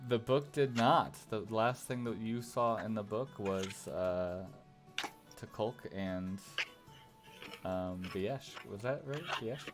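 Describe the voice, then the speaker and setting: Guy game mastering, low voice, lots of ums, soft music in the back. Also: slow pace. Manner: casual, filler-heavy narration. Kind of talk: narrating a tabletop game.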